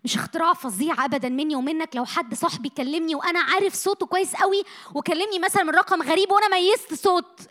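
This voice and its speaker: A woman preaching a sermon to young people, passionate, moving from loud bursts to hushed lines, her voice a little tired. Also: high voice. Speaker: missionary speaker. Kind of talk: sermon to a youth meeting.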